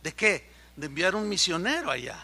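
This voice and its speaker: A man preaching a sermon as pastor, acting out quoted conversations in an animated way. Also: high voice, normal speed. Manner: animated, acts out dialogue in quoted voices.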